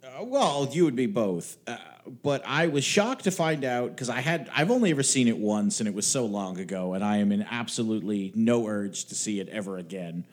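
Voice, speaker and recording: This podcast co-host has a lowish, expressive voice, talks a little fast, and barely pauses. He keeps the casual chat wry and rambling, with some swearing mixed in.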